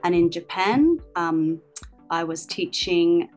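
An Australian language teacher and author, appearing as an interview guest, tells stories about her teaching life in an easy, chatty way full of ums. Her fairly low, slightly mellow voice has lively intonation and a slow pace. Soft background music plays, and the recording quality is low.

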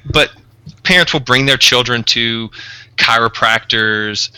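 Bright-voiced man, dry and close. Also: mid-range voice, clean tone, no room sound, low-quality recording. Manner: talkative, halting restarts, dry humor. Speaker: pediatrician guest. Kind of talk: podcast interview.

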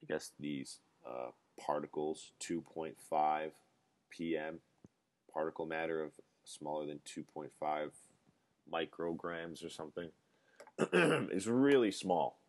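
A man's voice: rumbling low, takes it slowly. A man in his twenties rambling through a solo casual monologue, ranting and swearing freely as he talks. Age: 20s.

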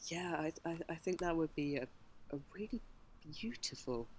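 A woman's voice: deep voice, animated, moderate pace, darkish tone, a little hiss or hum. A woman, a motorsport journalist, chatting as a podcast guest in a rambling, hesitant way with many restarts. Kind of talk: casual podcast chat.

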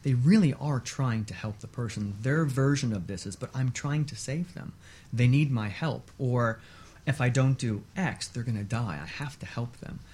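As an expert guest in a radio interview, a man explains things in a measured manner, using short repeated lists. His voice is medium-pitched, darkish, and slightly rough.

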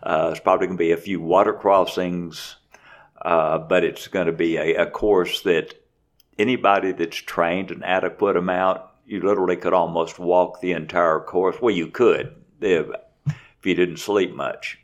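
A race director talks plainly about his event in a calm, matter-of-fact way. His voice is very deep and low in his chest. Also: moderate pace, muffled recording. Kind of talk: casual interview.

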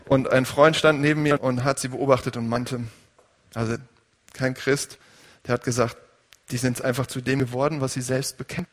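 A man's voice: mid-range voice, big-room sound. A male pastor preaching a conversational sermon and putting questions to his congregation.

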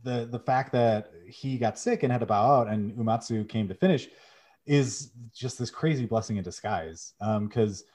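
A young man co-hosts a casual podcast, his voice mid-range and a bit dark, moving at a normal speed. He eagerly retells a game's plot, dropping plenty of "um"s along the way.

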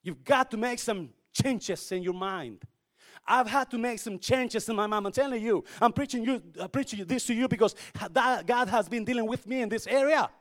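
This sermon comes from a male pastor with a Spanish accent and a very high-pitched voice, speaking in an unhurried way. He alternates between Spanish and English, and his volume swings from quiet to shouting.

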